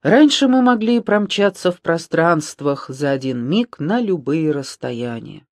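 A man reading an audiobook aloud in an even storytelling manner on a close mic. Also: a little high, measured pace, no room sound. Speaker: audiobook reader. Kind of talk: scripted narration.

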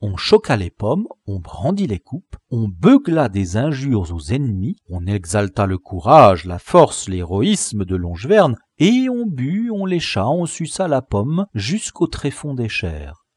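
Unhurried expressive male audiobook narrator. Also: medium pitch, slightly rough, dry recording, clean studio sound. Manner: lively, unhurried storytelling. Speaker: audiobook reader.

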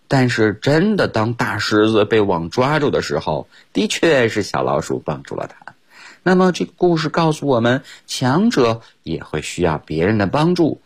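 A male teacher on a radio lesson, reading a children's story in two languages with slow, expressive storytelling and big pitch swings. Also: breathy edge. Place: radio studio.

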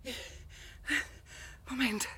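Speaking extremely slowly in a sharp tone, this actress sounds pleading and flustered as a lovelorn, pushy organiser from the provinces in a radio drama. Her husky, breathy delivery is effusive, rambling and melodramatic, over slight background noise.

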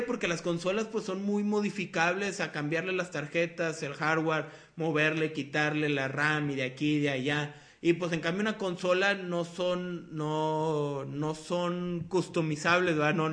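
Slangy Mexican podcast host. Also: male voice, a little high, fairly bright tone. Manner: loose, rambling, with slang and swearing. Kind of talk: casual podcast chat.

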